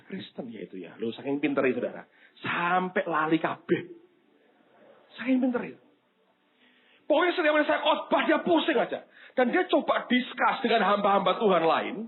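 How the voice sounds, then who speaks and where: A pastor preaches a sermon with a touch, telling a story, acting out the people he quotes and calling the congregation "saudara." His voice is high-pitched and slightly rough, swinging widely in pitch, and he talks fairly quickly. The sound is tinny, like a phone.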